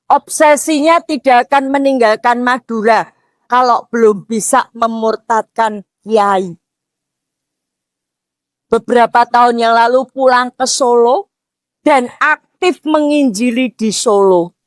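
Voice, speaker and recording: A woman in her sixties with a Javanese accent preaching a mosque sermon, posing rhetorical questions and rising to emphatic near-shouts. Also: a little high, takes it slowly, no echo, clean studio sound. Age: 60s. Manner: slips Javanese words into talk.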